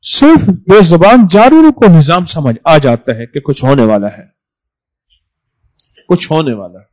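A man delivers a sermon in a fairly high voice. He repeats phrases for emphasis, pushing some words out loudly and letting others drop low and quiet. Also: animated, rough recording. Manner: repetitive, emphatic, swings between loud stresses and soft drops. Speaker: preacher.

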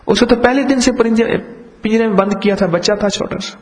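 A Pakistani man preaching and telling parables, his voice pitched fairly high. He acts out the dialogue with lively emphasis. His voice rings through a long hall reverb. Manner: storytelling, acts out dialogue, rising and falling emphasis. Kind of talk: sermon with parables.

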